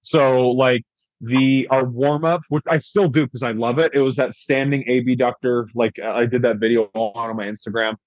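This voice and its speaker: A man's voice: mid-range voice, fairly even intonation, moderate pace, no echo. A young man on a podcast, telling a story in a loose, rambling way, full of "like" and swearing. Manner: rambling, heavy use of "like", profane. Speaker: podcast guest. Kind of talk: casual storytelling. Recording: dry, dull lo-fi podcast audio.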